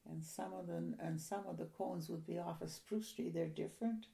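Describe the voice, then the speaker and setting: Recorded for an oral history, this elderly woman from a Ukrainian-speaking household wanders through her memories in a gentle, hesitant way. Her pitch is fairly low, with noticeable creak.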